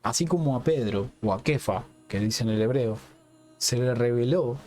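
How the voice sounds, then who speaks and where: A man's voice: medium pitch, normal speed, a little mellow, faint music behind. A man giving an unscripted Bible teaching for a Hebrew-roots ministry, checking in with a questioning "yes?" after nearly every phrase and often restarting words.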